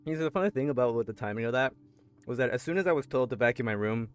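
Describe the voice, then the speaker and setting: A man's voice: mid-range voice, expressive, racing, clean tone. A man streaming a game, chatting casually and rambling with many restarts, a little out of breath. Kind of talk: casual game livestream chat. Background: music.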